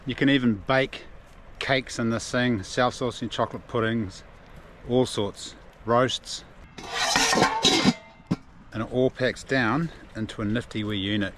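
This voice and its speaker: Fairly even in intonation and a little slow, with long pauses, the medium-pitched voice belongs to a New Zealand vlogger with a broad Kiwi accent. He chats casually and slangily, laid-back, on an outdoor adventure vlog recorded amid noisy ambient sound.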